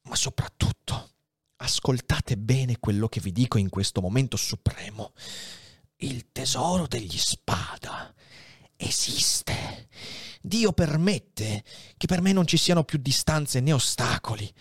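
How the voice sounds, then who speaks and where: A man's voice: mid-range voice, expressive, takes it slowly, slightly rough, no echo, studio quality. A man voicing Abbé Faria, a frail dying old priest. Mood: fading, solemn. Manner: weak, hushed, often whispering. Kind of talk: dramatic reading of a novel.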